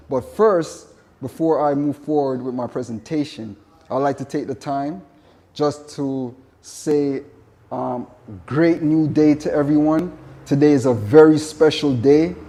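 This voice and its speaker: A man's voice: a little high, warm tone. A man from Jamaica with a Jamaican accent, a vegan chef giving a casual spoken presentation, earnest and repeating his points. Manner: earnest, repetitive phrasing with spiritual asides.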